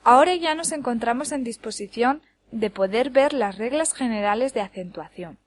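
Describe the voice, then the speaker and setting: A woman teacher from Spain reading a scripted lesson clearly and deliberately, slowing down to spell out syllables. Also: fairly high pitch, expressive, no room sound. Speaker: Spanish teacher.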